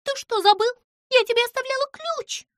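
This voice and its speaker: A woman voicing an excitable, bossy little female animal in an audiobook, with a squeaky, shrill, dramatic voice. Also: normal speed, no room sound, studio quality. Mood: demanding. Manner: breathless, demanding, dramatic. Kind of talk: audiobook character voice.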